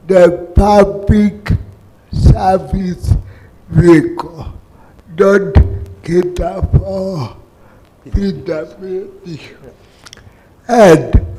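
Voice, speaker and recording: Kenyan guy asking a question from the floor, slurred halting speech, really slow, bit high pitched. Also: warm tone, rough recording. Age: late 30s. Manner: halting, a word or two at a time. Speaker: audience member asking a question.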